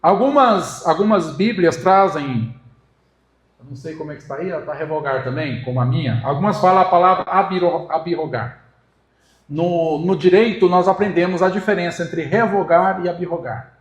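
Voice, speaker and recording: A man with a Brazilian Portuguese accent preaching a sermon in a church, emphatic and building to forceful peaks as he argues his point. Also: a little high, normal speed. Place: church hall. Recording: echoey church hall.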